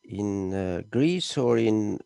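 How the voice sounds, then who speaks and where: Slow-talking middle-aged male interviewer. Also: fairly low pitch, animated, creaky, mellow, clear, resonant tone, no echo, studio quality. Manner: halting, filler-heavy delivery. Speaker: interview host. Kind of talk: interview introduction and questions.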